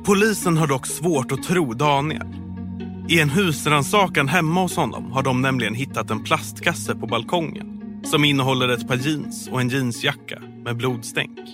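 A man reading a scripted true-crime story in a calm, measured way as a podcast narrator. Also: medium pitch. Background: music.

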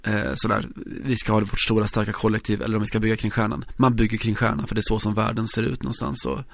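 A man co-hosting a podcast in casual chat, talking in a measured, reflective and analytical way. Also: lowish voice, little pitch movement, creaky, no room sound, studio quality. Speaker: podcast co-host.

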